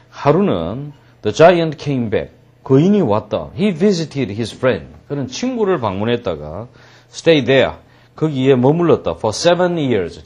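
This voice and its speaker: A man's voice: mid-range voice, darkish tone, husky. A man teaching an English reading lesson, translating line by line and joking as he tells the story.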